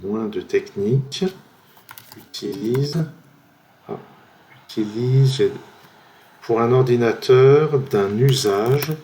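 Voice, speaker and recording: A French man thinking aloud, slowly trying one word after another while playing a word-guessing game at his computer. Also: mid-range voice, warm tone, a little hiss or hum. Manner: slow, musing, trails off while guessing.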